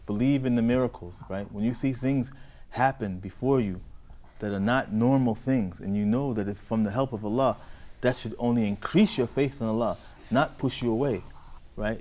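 Low-voiced American man teaching children. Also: a little mellow. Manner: questioning, call-and-response with children. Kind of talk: storytelling lesson for children.

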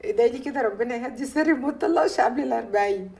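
A woman's voice: a little high, natural voice. A woman with an Egyptian accent playing a jealous, hot-tempered young bride in a film drama. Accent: Egyptian Arabic. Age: young adult. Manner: quick, emotional, flares into shouting. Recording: film soundtrack with music under dialogue.

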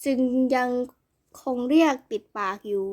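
A woman voicing a proud schoolboy who explains to his classmates slowly and deliberately, like a grown-up. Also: close to an everyday voice. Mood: explaining. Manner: slow, measured, grown-up delivery.

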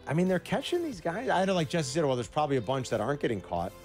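A middle-aged man, hosting a sports radio show in a studio, talking in an emphatic, animated way. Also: fairly high pitch, fast, faint music behind. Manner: animated, emphatic, bursts of indignation. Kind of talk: casual sports talk. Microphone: studio mic with headphones.

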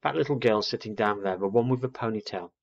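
A man's voice: lowish voice, fast talker, creaky, muffled recording. A man voicing a patient but firm mother barn owl in a children's storybook. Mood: patient, instructing.

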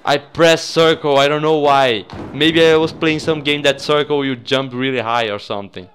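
Hosting a gaming video, this young man from Brazil swears freely and keeps things casual and excitable. He has a Brazilian accent, speaks Portuguese natively, and his voice is smooth and on the high side.

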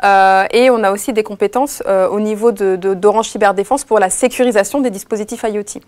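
A woman's voice: medium pitch, fairly even intonation, a little fast, darkish tone. A woman on a webinar panel, explaining steadily with many fillers and restarts. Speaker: expert panelist.

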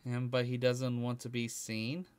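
A young adult man hosts a video from a small room at home, giving casual live reaction commentary and sometimes reading aloud. His medium-pitched voice is smooth and completely flat at a measured pace, and he speaks informally with mild swearing.

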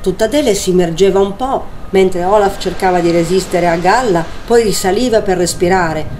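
A woman's voice: mid-range voice, moderate pace, background noise. Woman reading a fairy tale. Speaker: storyteller. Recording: loud music bed behind.

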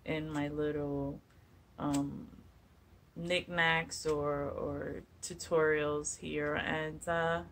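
A woman in her forties hosts a DIY craft tutorial in her home kitchen, chatty and upbeat with lots of fillers in her casual talk. Her voice sits low and a bit bright, with a flat delivery and drawn-out words. She's recorded from a distance by a phone camera a few feet away, with slight background noise.

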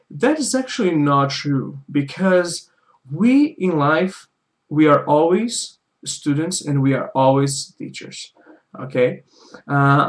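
A Brazilian man with a Brazilian Portuguese accent speaks English as a second language, casually explaining his views on language learning to camera. His voice is mid-range, and he restarts often and draws out words.

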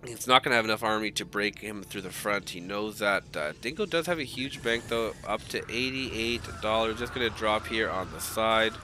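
A man's voice: fairly low pitch, normal speed, few pauses, bright, forceful tone, faint music behind. A man casting a live strategy game match, talking loosely in rambling play-by-play with swearing and restarts, his voice still groggy from just waking up. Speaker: esports caster.

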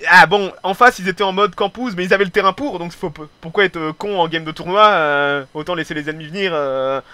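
Fast, bright-voiced excitable male commentator. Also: high-pitched, clear, resonant tone. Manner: excitable, swears casually, peppers speech with "hein"; hesitant restarts and repeated words. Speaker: game replay commentator. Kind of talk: casual live commentary of a strategy game replay.

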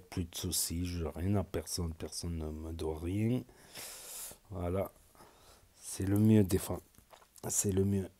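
A man hosting a reaction channel, talking in a relaxed, rambling way full of fillers. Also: low voice. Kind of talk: casual reaction commentary.

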